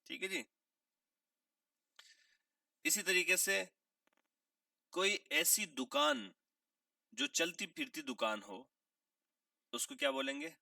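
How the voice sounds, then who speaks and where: A man teaching a vocabulary lesson, asking questions and answering them himself, repeating key words and clearing his throat now and then. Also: high-pitched, huge pitch swings, pauses often, sharp tone, dry recording, studio quality, recorded from a distance. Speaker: English teacher.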